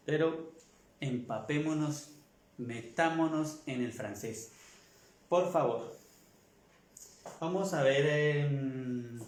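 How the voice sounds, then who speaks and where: A middle-aged man, a native Spanish speaker, giving a French class lecture, repeating his advice slowly and asking rhetorical questions. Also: medium pitch, roomy sound, slight background noise. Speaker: French teacher.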